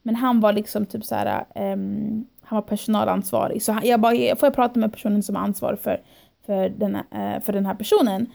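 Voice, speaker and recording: Young woman retelling a story, mellow. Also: medium pitch, creaky. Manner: animated storytelling, quoting herself and others; mixes in English phrases. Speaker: podcast guest. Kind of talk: casual podcast chat.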